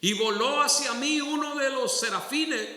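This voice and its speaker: A man pastor preaches a sermon in a bright, sharp voice, slow and deliberate. His delivery jumps between loud exclamations and low asides. The sound rings with long church-hall reverb. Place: church sanctuary.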